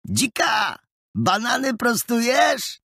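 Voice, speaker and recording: A man voicing a loud, mocking teenage boy bully in an audiobook, with jeering sing-song taunts. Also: high voice, big pitch swings, measured pace, dry recording, clean studio sound, voice pushed up, full character voice.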